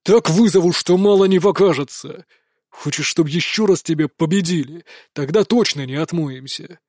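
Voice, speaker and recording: A man's voice: a little high, moderate pace, darkish tone, dry recording, studio quality, natural voice. A man voicing a stern, domineering middle-aged prince scolding his son, harsh and barking. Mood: angry.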